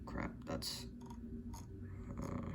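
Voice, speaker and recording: A hobbyist man draws out his words as he works through a circuit out loud, hesitant, uncertain and full of self-corrections. The audio, captured on a camera's built-in mic, is very noisy.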